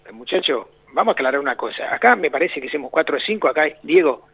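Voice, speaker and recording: A man, calling into a show by phone and telling anecdotes in a lively way, with quick laughs and many repeats. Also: on the high side, gravelly, slightly rough. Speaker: phone-in guest. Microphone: phone call. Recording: muffled phone line.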